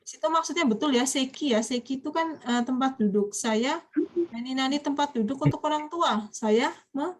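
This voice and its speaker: A woman's voice: sits high, moderate pace. A woman teaching a Japanese vocabulary class, quizzing her students and prompting them to hurry up with their answers.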